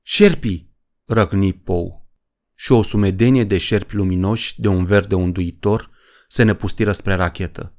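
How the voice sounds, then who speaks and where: A man narrating a horror story in a measured, dramatic way. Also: deep voice, steady tone, darkish tone. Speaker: audiobook narrator.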